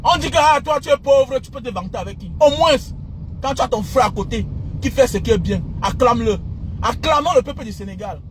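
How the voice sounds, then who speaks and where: A man giving an impassioned monologue, fiery and preachy, often shouting slogans. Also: extremely high pitch, animated, fairly quick, noisy background. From Cameroon. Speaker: commentator.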